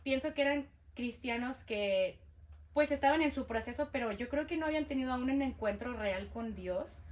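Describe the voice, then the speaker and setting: A woman's voice: sits high, moderate pace. A young Mexican woman with a Mexican accent, telling a personal story in a casual interview and acting out what people said. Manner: lively, acts out quoted dialogue. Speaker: guest sharing testimony.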